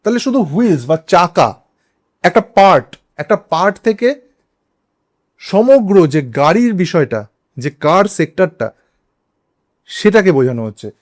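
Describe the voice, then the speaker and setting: A man's voice: sits high, sing-song, measured pace, long pauses. A man with a Bengali accent teaching an English grammar lesson, explaining examples step by step and posing questions to students. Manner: spells out words letter by letter, asks rhetorical questions.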